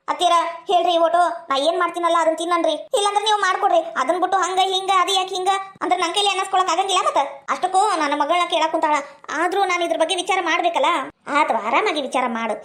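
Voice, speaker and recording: A woman with a North Karnataka accent performing a village comedy skit, talking in rapid, chiding village banter. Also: extremely high pitch, fairly bright tone. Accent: North Karnataka Kannada.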